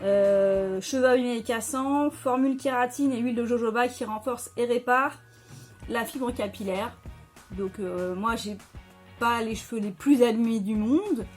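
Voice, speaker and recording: A woman's voice: on the high side, a little slow, a little mellow, soft background music. A woman chatting casually at home as she reviews hair products, with many fillers and restarts. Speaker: beauty vlogger.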